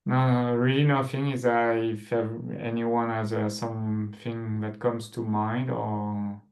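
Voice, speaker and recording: A man's voice: medium pitch, flat delivery, a little slow, a little mellow. A man organizing a group chat on a video call, hesitant and given to short replies.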